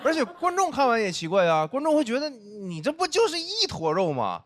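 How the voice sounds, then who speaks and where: A man's voice: very high voice, huge pitch swings, a little fast. A man doing stand-up on stage, telling stories and acting out his friends' teasing. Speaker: stand-up comedian and head writer. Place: stage before a live audience. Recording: stage mic with audience laughter and noise.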